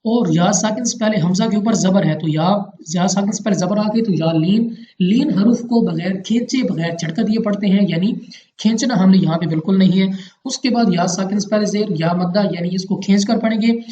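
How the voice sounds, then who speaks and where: A man's voice: high-pitched, moderate pace, dark tone. A man from Pakistan teaching Quran recitation rules in a patient, step-by-step lesson, repeating each rule carefully. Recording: roomy, dull lo-fi home recording.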